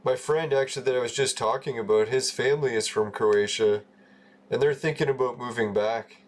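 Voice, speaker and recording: Forties canadian guy rambling on a game stream, swears a lot, chuckles at himself, mid-pitched voice. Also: a little fast. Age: 40s. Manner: loose, profane, laughs at his own stories. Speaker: gaming livestream host. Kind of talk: casual rambling chat.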